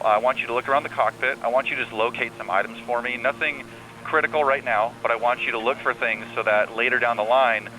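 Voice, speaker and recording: Bright-voiced man on air traffic control radio. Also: medium pitch, rough recording. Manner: calm, reassuring, step-by-step instructions. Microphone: radio transmission. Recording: air traffic radio with faint hum and noise.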